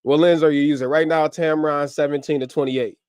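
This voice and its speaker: A man from the US hosts a casual livestream at home, reeling off upbeat, slangy shout-outs. He is running on little sleep, and his voice sits a bit high. The sound is dry and close, with no room echo. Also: steady tone, a little fast, smooth. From US, grew up in Ohio. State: short on sleep. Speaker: livestream host. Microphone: camera mic on a livestream setup.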